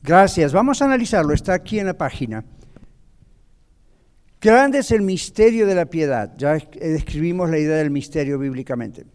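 A man's voice: a little high, lively intonation, moderate pace, a little mellow, long reverb tail. A man teaching a Bible lesson to a church class, explaining patiently and asking the audience questions.

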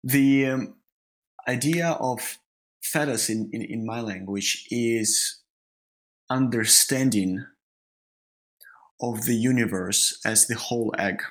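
Co-hosting a spiritual podcast, a man with a heavy Russian accent often stops and repeats words while hunting for the right phrasing; Russian is his native language. His voice is medium-pitched, and the audio quality is poor.

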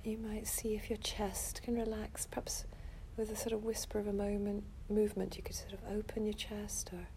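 A woman leading a calm grounding exercise as a meditation guide, speaking softly and breathily with long soothing pauses. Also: medium pitch, gravelly, a little hiss or hum.

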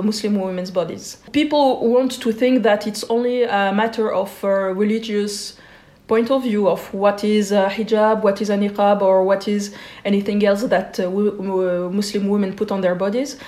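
A woman in her forties from Switzerland, a guest in an interview, speaking thoughtfully with many pauses and fillers. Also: mid-range voice, steady tone, mellow, reverberant.

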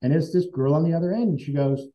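Talking fast in a slightly high voice, the man tells a personal story as an interview guest. He's earnest and conversational, acting out dialogue he recalls, and the recording has a dull lo-fi quality.

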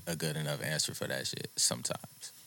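A man's voice: very deep voice, fairly even intonation, fairly quick, creaky, sharp tone. An American man co-hosting a casual podcast, blunt, slangy and profane in his banter. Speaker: podcast co-host.

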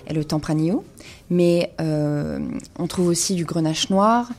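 A woman's voice: deep voice, unhurried, a little mellow. A woman presenting a casual wine segment, speaking with many hesitations and fillers. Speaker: wine columnist.

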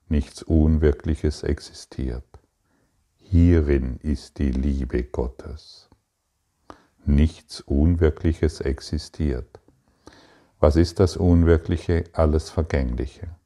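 A man giving a spiritual teaching, reading passages aloud and answering his own rhetorical questions in a deliberate way. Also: extremely low pitch, dark tone.

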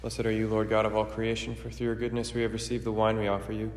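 Man, priest at the altar, solemn liturgical prayer, even intonation, measured and formal, long cathedral echo. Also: fairly low pitch, slight background noise. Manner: measured, reverent, formal recitation. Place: large echoey church.

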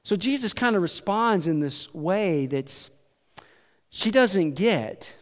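A man preaches a sermon like he is telling a story to friends, loose and conversational, tossing in "like" and "right?". His voice sits high for a man. It rings out with a long reverb from a big hall. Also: expressive, slow.

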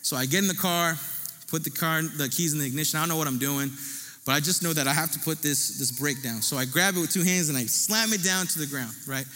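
Bright, high-voiced preacher in a reverberant hall. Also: male voice, quick pace, faint music behind. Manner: animated storyteller, often asks "right?". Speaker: pastor. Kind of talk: sermon with personal storytelling. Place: church sanctuary. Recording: long church hall reverb.

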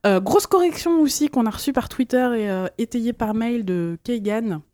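A woman's voice: on the high side, lively intonation, normal speed, darkish tone, no echo, studio quality. A woman in her thirties co-hosting a casual podcast, reading listener mail with plenty of fillers and restarts. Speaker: podcast co-host. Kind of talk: casual chat.

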